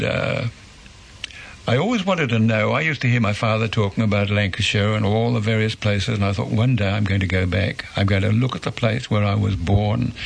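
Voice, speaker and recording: An older man, relaxed and self-amused as he answers interview questions. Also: fairly low pitch, creaky, breathy edge. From Australia, born in England.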